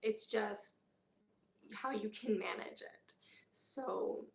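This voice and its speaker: A woman talking candidly in a personal health vlog, halting often with fillers and pauses. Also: fairly high pitch, a bit bright, reverberant. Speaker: vlogger.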